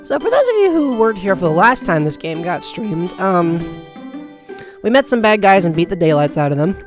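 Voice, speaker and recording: A woman's voice: on the low side, sing-song, a little fast, music in the background. A young woman hosting a video game playthrough, chatty and self-deprecating, often laughing. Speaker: gaming video host. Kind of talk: casual let's-play commentary.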